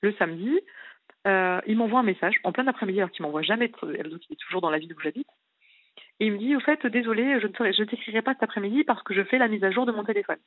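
A woman's voice: mid-range voice, quick pace. A distressed woman calling in to a radio show, telling a long story in a rambling way full of details. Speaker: caller. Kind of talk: call-in radio confession. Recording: tinny phone line.

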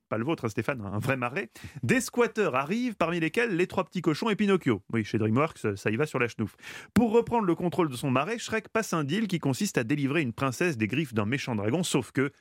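A man's voice: a little high, dry recording. Playful french radio guy doing his funny segment, bouncy voice that swoops all over, teasing the host, dry studio mic. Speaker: radio columnist. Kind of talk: comic radio chronicle.

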